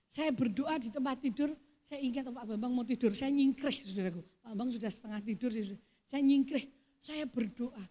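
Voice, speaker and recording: A middle-aged woman pastor with a Javanese accent preaches at a church service, moving from quiet storytelling to loud, emphatic exclamations. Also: fairly high pitch, moderate pace. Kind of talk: sermon.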